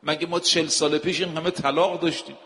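Male preacher, higher-pitched, forceful sermon delivery, reverberant hall recording. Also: steady tone. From Iran. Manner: emphatic, rhetorical questions, quotes scripture.

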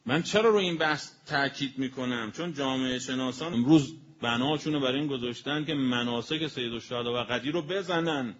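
A man giving a colloquial religious sermon as a preacher. He spells out word meanings slowly and with emphasis, then speeds up. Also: mid-range voice, a bit bright. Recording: dull lo-fi recording with faint noise.

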